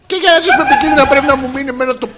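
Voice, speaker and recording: A man's voice: extremely high pitch, over loud music. A man co-hosting a comedy podcast, bantering in a mock-vain, teasing way with swearing and bursts of laughter. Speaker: podcast co-host.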